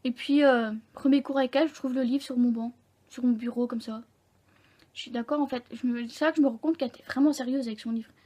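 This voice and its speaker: A young woman speaks to camera in a vlog, telling a personal story. Her voice sits a little high but has a soft, mellow tone. She talks candidly and haltingly, often stopping to correct herself. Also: fairly even intonation. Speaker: vlogger.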